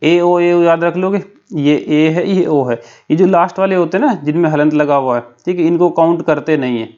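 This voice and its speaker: A man's voice: fairly high pitch, moderate pace, darkish tone, dull audio. A man teaching a lesson for an exam, explaining step by step with a memory story and often checking in with his listeners.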